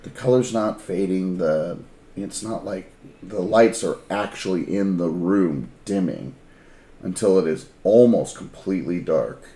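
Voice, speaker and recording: Slow-talking male game master. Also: deep voice, dark tone. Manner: casual, many fillers like um and you know. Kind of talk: narrating a tabletop game. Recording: roomy echo with music behind.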